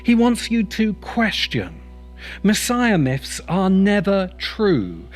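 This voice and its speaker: A man with a high-pitched voice narrates a scripted video essay slowly, his pitch swinging widely. He's the host and writer of science fiction video essays, and his delivery is emphatic, opinionated and rhetorical. Music plays in the background.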